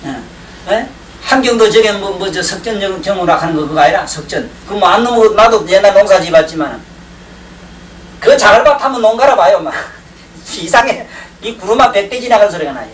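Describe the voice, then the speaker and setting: On what sounds like an old 1990s recording, a man with a high, expressive voice talks fairly quickly about Chinese classics to his class. He rambles, cracks jokes and makes sure listeners keep up, heard from a distant mic in an echoey room with faint hiss.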